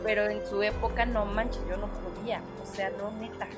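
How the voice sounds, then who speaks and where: A woman's voice: mid-range voice, steady tone, moderate pace, music in the background. A Mexican woman in casual chat, speaking hesitantly about her fears. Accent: Mexican Spanish. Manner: hesitant, self-described fearful.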